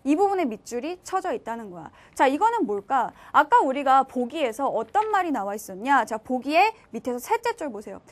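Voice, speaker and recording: A woman teaching a high school literature class, walking students through a text, checking in with them often and acting out the quoted lines. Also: very animated, a little fast, few pauses. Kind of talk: lecture to students.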